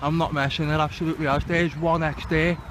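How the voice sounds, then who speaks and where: A video channel host with a Liverpool accent films a casual vlog outdoors under open sky, ranting with indignant, sweary exclamations. His voice is a little high, fast and fairly flat in pitch, and the amateur recording is very noisy.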